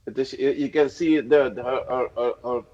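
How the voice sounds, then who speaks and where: A man's voice: mid-range voice, steady tone, normal speed, darkish tone, long reverb tail, lo-fi sound. A man joining a livestream as a guest, chatting casually and insistently making his point. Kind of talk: casual chat.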